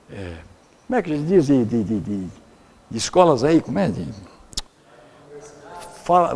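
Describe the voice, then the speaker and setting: A man's voice: fairly high pitch, a little mellow, in a large hall. An older man, a pastor, giving a folksy sermon lecture that rambles and searches for words.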